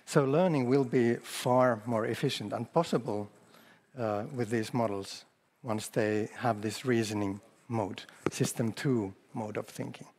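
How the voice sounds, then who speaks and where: A man's voice: medium pitch, a little slow, a little mellow, husky. A man giving a casual conference talk, repeating his words and speaking with conviction. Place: event hall. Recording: long hall reverb from a public address system.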